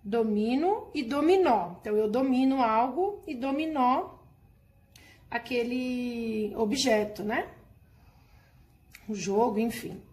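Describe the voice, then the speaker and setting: Patient woman teacher explaining slowly. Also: fairly high pitch, darkish tone. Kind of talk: recorded class lesson.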